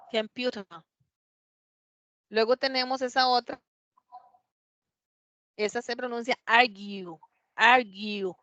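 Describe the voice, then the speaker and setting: A woman teaching an English pronunciation lesson, explaining patiently step by step and slowly repeating words to model them. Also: on the high side, fairly bright tone, no room sound, lo-fi sound. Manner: patient, explains step by step, asks "¿verdad?" often.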